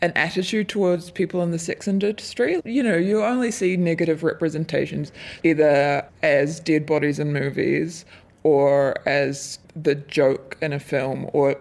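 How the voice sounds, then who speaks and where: Woman with a disguised deep voice. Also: gravelly, darkish tone. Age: 20s. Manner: candid, reflective, with hesitant fillers. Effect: voice altered, disguised deeper. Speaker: interviewee. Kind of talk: documentary interview.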